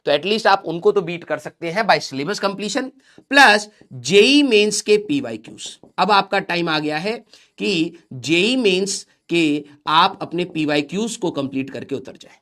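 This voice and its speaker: A man's voice: sits high, expressive, a little slow, fairly bright tone. Fatherly coaching teacher, direct. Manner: fatherly and direct, calls students 'beta', repeats key points. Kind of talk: motivational lecture to students.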